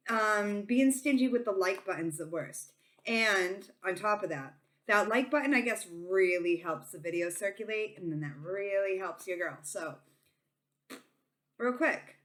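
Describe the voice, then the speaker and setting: A woman's voice: mid-range voice, a bit bright. Chatty, tired woman with a Boston accent. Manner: informal and slangy, affectionate toward viewers. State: tired and silly. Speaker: tarot reader and channel host. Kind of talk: casual, chatty psychic reading to viewers.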